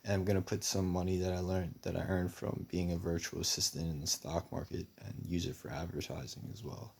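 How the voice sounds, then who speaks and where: A young man with a very low, gravelly voice talks in a rambling personal monologue. His delivery stays flat and monotone, and his voice sounds slightly husky. He meanders, full of fillers and restarts. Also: brisk. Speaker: vlogger.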